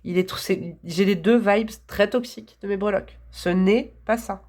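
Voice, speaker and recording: Woman, hoarse voice, tarot reader, casual chat to viewers, enthusiastic, laughs often. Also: mid-range voice, normal speed, a little mellow.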